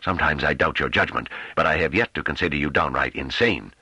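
A man's voice: very deep voice, fast, sharp tone, husky, dry recording, full character voice. A man reading an audiobook, voicing an indignant male council leader who speaks formally.

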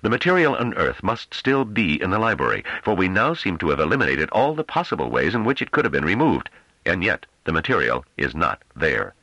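A man reading an audiobook, voicing a male councillor who argues in a grave, measured and sardonic way. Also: low voice, very animated, sharp tone, no echo, dull audio, pitched above the performer's own voice, full character voice. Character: calm sardonic male councillor defending himself.

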